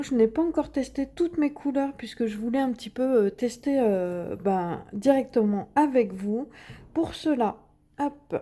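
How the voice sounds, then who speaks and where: A woman's voice: on the high side, dark tone. A woman casually demonstrating craft supplies, chatting with many fillers and little sounds as she works. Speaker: craft video host.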